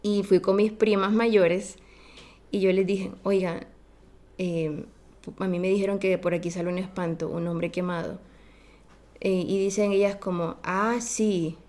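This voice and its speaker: A woman guesting on a podcast relates a childhood episode at a measured pace in a mid-range voice. She keeps it casual and animated, slipping into the voices of the people she describes.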